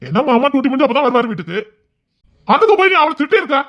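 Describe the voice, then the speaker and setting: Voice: high-pitched, sing-song, a bit bright, exaggerated voice. A performer playing a blunt young husband, a police officer who argues with his mother in a family drama skit. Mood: arguing. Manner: blunt, rapid, scolding.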